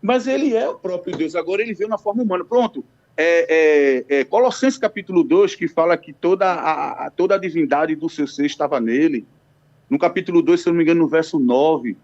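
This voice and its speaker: A man's voice: a little high, brisk, darkish tone. A man calling in to a radio show over the phone, earnestly debating Bible verses with hesitant restarts. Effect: heard over a phone line. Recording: dull lo-fi phone call.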